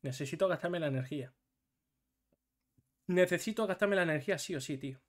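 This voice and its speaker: Narrating his own game as it happens, this streamer is excitable and foul-mouthed, dropping into quiet mumbling one moment and shouting the next. He talks a little fast.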